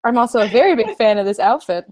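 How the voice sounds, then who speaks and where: Brief: woman co-host, casual rewatch chat, giggly and animated, slightly high voice. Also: quick pace. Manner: giggly, enthusiastic, acts out quotes. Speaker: podcast co-host.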